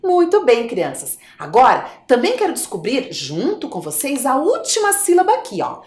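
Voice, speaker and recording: A woman's voice: sits high, huge pitch swings, moderate pace, reverberant. A woman with a Brazilian Portuguese accent, a primary school teacher giving a video lesson to young children, coaxing them along in a sing-song voice and drawing out her words.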